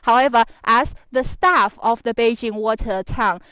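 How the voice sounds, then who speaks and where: A woman's voice: on the high side, normal speed, a bit bright, clear, resonant tone, no echo, rough recording. Bubbly woman hosting a snowy outdoor walk. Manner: chatty and giggly, laughing often. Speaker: live stream host and guide on a walk. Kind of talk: casual live-stream chat, switching between English and Mandarin. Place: outdoors on a snowy stretch of the Great Wall, walking. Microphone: handheld camera follows her while she walks.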